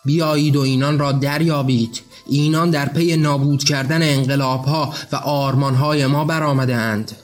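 A zealous male patient rants and accuses with fervent force, played by a man narrating an audiobook. His voice pushes slightly higher and louder than plain reading. Faint music hums behind him. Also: lightly acted.

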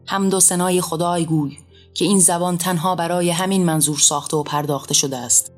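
Woman reader plays a wrathful enthroned male deity; loud, commanding, shouted lines. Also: lowish voice, fairly even intonation, soft background music, lightly acted. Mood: furious.

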